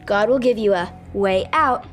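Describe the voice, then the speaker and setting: A woman's voice: mid-range voice, unhurried, faint music behind, close to an everyday voice. An actress playing a sensible, helpful young woman in a kids' show, earnest and explanatory. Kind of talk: scripted kids' show acting.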